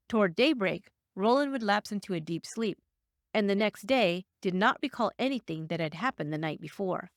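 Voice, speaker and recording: A woman reads a true crime story in a measured, steady voice, sounding scripted and even throughout. Her pitch sits in a middle range. The recording is dry and close, with no room sound. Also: no echo. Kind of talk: scripted narration.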